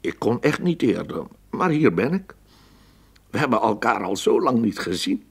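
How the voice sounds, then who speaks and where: A man voicing a sentimental male church rat in a storybook reading, speaking in a gushing, warm-hearted way. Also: mid-range voice, very animated, normal speed, creaky, slightly rough, full character voice. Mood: eager.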